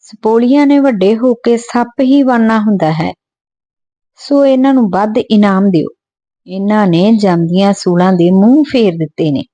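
A woman's voice: medium pitch, moderate pace, dark tone, dry recording, lightly acted. A woman reading a scheming merchant. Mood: sly. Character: scheming male merchant egging on cruelty.

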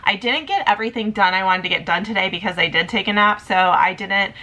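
A woman's voice: medium pitch, a little fast, pushed and bright. Chatty woman in her thirties. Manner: chatty, upbeat, frequent "um" and "like". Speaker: thrift reseller vlogger. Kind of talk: casual haul vlog chat. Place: small home storage room with shelves.

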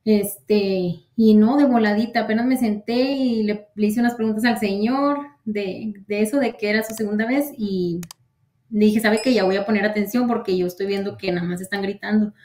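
In an echoey room, a woman being interviewed recounts her citizenship interview in a relaxed storytelling way, filled with quoted exchanges. She has a medium pitch, a darkish tone, and a moderate pace.

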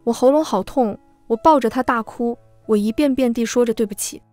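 A woman with a fairly high, clear voice reads a tragic first-person story aloud in a sorrowful, heartfelt way. Her voice sits dry and close, with soft music playing quietly underneath. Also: fairly quick, no room sound. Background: faint background music.

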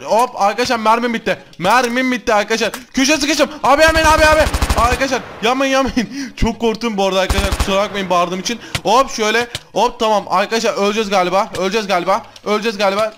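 A man hosting a gaming channel, giving excited gameplay commentary in a slangy way, constantly talking to his viewers. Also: high voice, slight background noise.

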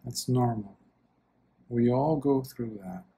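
A monk's guided meditation is led by a man with a husky, medium-pitched voice, who keeps his phrases short, gentle and soothing, pausing at length between them.

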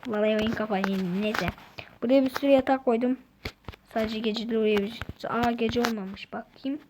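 A woman giving casual, excitable gameplay commentary, talking to herself and her viewers as she plays. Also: on the high side, brisk, background noise. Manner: chatty, excitable, talks to self and viewers. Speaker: gaming channel host.

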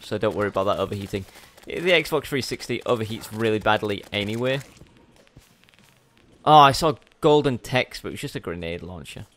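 A man's voice: on the low side, lively intonation, fairly quick, a bit bright. Rambling young man narrating gameplay. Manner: rambling, self-correcting, chatty. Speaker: let's play host. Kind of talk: casual gameplay commentary.

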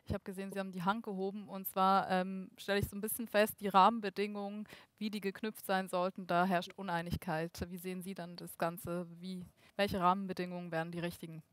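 A woman in her thirties moderating a panel in a studio, brisk and steering the talk. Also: medium pitch, flat delivery, no echo. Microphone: headset.

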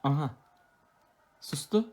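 A man's voice: takes it slowly, a little hiss or hum. A father chatting playfully and coaxingly with his young daughter while they unbox a toy together. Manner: playful, coaxing, talks gently to a child. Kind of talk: casual family toy unboxing.

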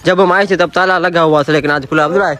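A man's voice: fairly high pitch, steady tone, fast, fairly bright tone. A young man casually narrating a vlog on a farm, chatting to viewers and calling them guys. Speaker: vlogger. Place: outdoors at a farm with birds. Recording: noisy outdoor handheld recording.

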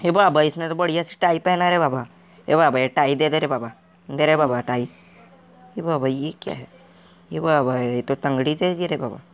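Playing a gaming video character, a man becomes a baffled, jittery wanderer: clueless, excitable and uneducated, jumpy and naive. Almost every line trails off into a drawn-out "re baba" in this comic in-character commentary. His voice is a little high and close to everyday, with lo-fi sound.

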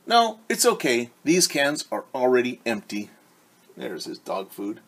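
Indoors in a home living room, a man in his forties reads a picture book aloud like a teacher, pausing to explain things simply and ask the children questions. His medium-pitched voice is sing-song, a little slow, and fairly bright. A device camera about an arm's length away picks him up.

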